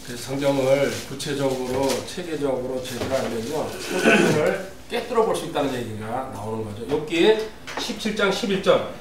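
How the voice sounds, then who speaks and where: A man's voice: medium pitch, animated, moderate pace, hardly any pauses, noisy background. A man preaching a sermon as a pastor, reading scripture aloud and putting questions to the congregation. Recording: roomy, distant, faint ambience.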